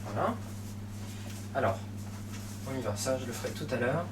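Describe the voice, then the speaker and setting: A man with a French accent presents a recipe step by step as a cooking host. His voice sits at an average male pitch, and his delivery is informal and encouraging, dotted with little interjections. Clear kitchen noise runs behind him. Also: lively intonation, moderate pace. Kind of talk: casual step-by-step recipe demonstration. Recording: clearly noisy room ambience behind voice.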